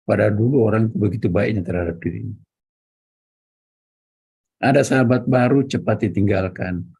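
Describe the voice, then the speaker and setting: A man preaching a religious lecture, speaking directly to his listeners and repeating key words for emphasis in a measured, teaching delivery. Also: fairly low pitch, gravelly, dark tone, slightly rough. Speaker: Islamic preacher.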